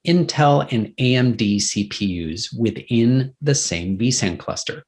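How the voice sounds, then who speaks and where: A man's voice: mid-range voice, animated, slow, darkish tone. A man interviewing a guest, asking questions and affirming the answers with some hesitant restarts.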